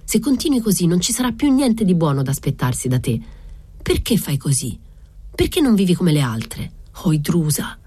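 A woman's voice: on the low side, very animated, moderate pace, dark tone, husky, dry recording. A woman voicing a reproachful village wife in a read-aloud novel. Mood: scolding. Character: scolding village wife, middle-aged.

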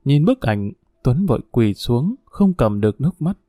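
A man reads a story aloud in a warm, mellow voice with steady, even pacing. The recording is dry and close, with no room sound. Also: medium pitch, normal speed, dry recording. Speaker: audiobook narrator. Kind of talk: scripted story narration.

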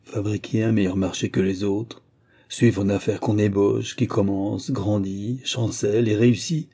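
In an audiobook, a man with a lowish, dark-toned voice plays an old cloth merchant who is shrewd, gruff and fatherly, lecturing and exclaiming as he goes.

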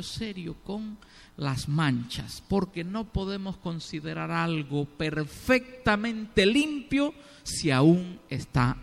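Slow gravelly middle-aged preacher man. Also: on the high side. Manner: asks the congregation rhetorical questions, stresses key words. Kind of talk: sermon.

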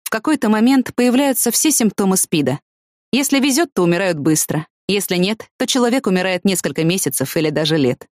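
A woman reading the lines of a blunt, bitter young man of twenty in an audiobook, in a flat, matter-of-fact way. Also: mid-range voice, fairly quick, no echo, clean studio sound, natural voice.

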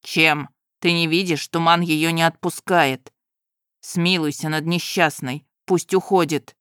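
Female narrator putting on a gruff young nobleman, stern and scolding, lowered voice, dry close recording, storybook. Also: fairly even intonation, unhurried, fairly bright tone, dry recording.

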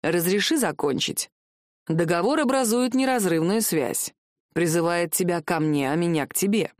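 A woman reading a story and voicing a cold, grim male wizard who speaks low and with measured restraint. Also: animated, dry recording, studio quality, lightly acted. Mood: calm.

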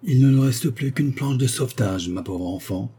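A man's voice: medium pitch, moderate pace, warm tone, slight background noise, voice pushed up, lightly acted. A man reading the lines of an earnest young lawyer who speaks urgently and insistently. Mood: grave. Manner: urgent, pleading.

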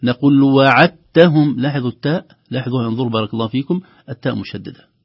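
Male recitation teacher, husky voice, breaks off to chant examples slowly, dry lo-fi sound. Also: medium pitch, fairly even intonation, dry recording. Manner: alternates explanation with slow, drawn-out recitation. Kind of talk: recitation lesson. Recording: lo-fi radio broadcast.

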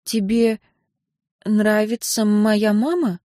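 A woman voicing an earnest young heroine in an audiobook, speaking gently and pleading. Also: mid-range voice, fairly even intonation, slow pace, dry recording, studio quality, natural voice. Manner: gentle then pleading, voice rising when upset. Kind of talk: audiobook character reading.

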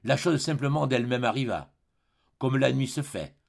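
A man reading a classic novel aloud as an audiobook narrator, measured and expressive. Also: mid-range voice, vocal fry. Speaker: audiobook reader.

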